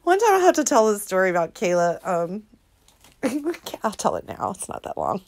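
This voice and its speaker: A woman's voice: mid-range voice, very animated, normal speed, darkish tone. Giggly rambling woman vlogger. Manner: rambling, giggly, self-mocking. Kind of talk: casual chat, reading out messages.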